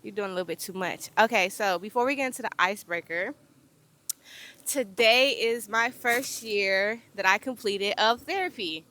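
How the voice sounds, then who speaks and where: Bright, chatty woman podcast host. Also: medium pitch, moderate pace. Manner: animated and chatty, playful asides to her team. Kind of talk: casual solo podcast chat.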